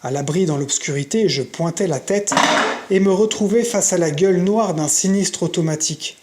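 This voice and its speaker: A reader narrating a novel in an audiobook with steady, measured storytelling. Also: mid-range voice, background noise. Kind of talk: scripted narration.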